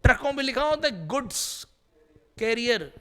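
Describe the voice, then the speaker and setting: Guy teaching english in class, high bright voice, slow and playful, keeps quizzing the room. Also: clean tone. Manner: lively, drills students with repeated questions, playful. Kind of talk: classroom lesson with questions to students.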